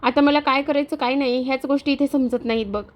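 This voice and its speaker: A woman's voice: sits high, fairly even intonation, quick pace, muffled recording, lightly acted. A woman voicing a feverish, homesick young village girl with rustic, tearful speech in a retold TV serial.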